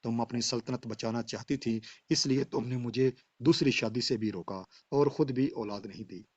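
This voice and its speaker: A man reads out a betrayed husband with a stern, accusing, unforgiving voice. The pitch sits in the ordinary middle for a man. The track is dull and muffled, and the voice is close and dry with no room around it. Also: dry recording, natural voice. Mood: bitter.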